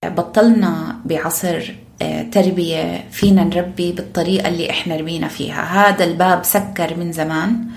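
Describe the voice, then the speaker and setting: A woman's voice: lowish voice, steady tone, fairly quick, gravelly, a little hiss or hum. A woman podcast host with a Levantine Arabic accent, speaking emphatically and conversationally, with some English words mixed in. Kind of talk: conversational parenting discussion.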